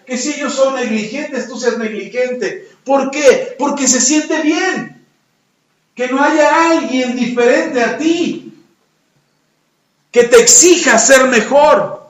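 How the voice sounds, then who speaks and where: A man preaching a sermon and telling a fable, repeating phrases with emphasis. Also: very high-pitched. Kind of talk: sermon with storytelling. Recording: roomy echo, distant, dull lo-fi.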